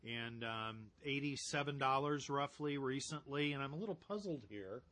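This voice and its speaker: A man co-hosting a casual financial talk show, talking over value stocks in a measured way and thinking aloud as he goes. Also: medium pitch, a loud crowd. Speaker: value-investing co-host.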